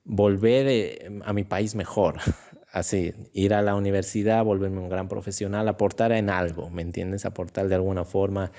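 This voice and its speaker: A young man tells stories in a relaxed interview. His voice sits lowish and mellow, and he laughs as he acts out the voices of the people in his stories. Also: moderate pace. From Ecuador. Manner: animated storyteller who acts out voices and laughs often. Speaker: interview guest. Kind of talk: casual storytelling interview.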